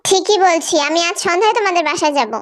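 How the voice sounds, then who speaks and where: A woman doing a comedic fan dub, voicing several characters, scolding and exclaiming. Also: very high-pitched. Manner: scolding, exclaiming, quick to laugh.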